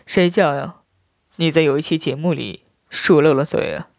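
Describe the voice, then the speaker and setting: Smug scheming husband, gravelly fry, close dry sound, teasing tone, voiced by a man, audio story. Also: fairly even intonation, normal speed, dry recording, lightly acted. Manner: low, teasing, self-satisfied delivery.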